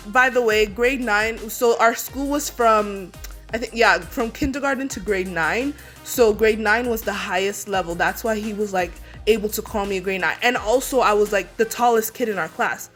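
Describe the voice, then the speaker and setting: A woman's voice: on the high side, normal speed, fairly bright tone, faint music behind. A young woman, a beauty vlogger, telling a story in a casual, rambling way, filling it with "like" and restarts. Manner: rambling, heavy use of 'like', many restarts. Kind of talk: casual storytime while doing makeup.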